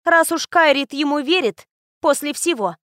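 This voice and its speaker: A woman reads a small outcast girl with a barbed tongue. Her voice jumps high and a bit louder, snarky and cheeky. Dry, close sound. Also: moderate pace, no echo.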